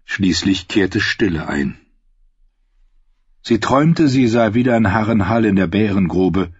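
A man narrates a novel in a measured, dramatic way, his low voice husky. The sound is dry and close, slightly dull and lo-fi. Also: lively intonation, no room sound. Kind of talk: scripted audiobook narration.

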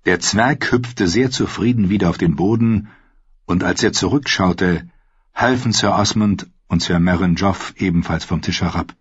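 Husky low-voiced male audiobook narrator. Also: no echo, lo-fi sound. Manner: expressive, measured. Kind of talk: scripted fantasy narration.

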